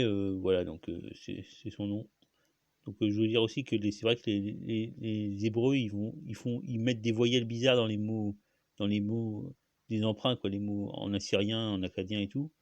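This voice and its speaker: A man with a fairly low voice talks alone about where words come from. He hesitates and restarts often and stops to cough. The sound is dry and close, with little room echo. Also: darkish tone. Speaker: host. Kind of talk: rambling solo talk on language.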